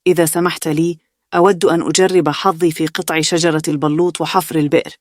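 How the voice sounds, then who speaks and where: A woman's voice: low-pitched, little pitch movement, quick pace, darkish tone, no room sound, studio quality, close to an everyday voice. A woman reading the part of a determined youngest brother, a young man, in a bedtime story. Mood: earnest. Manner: earnest, determined.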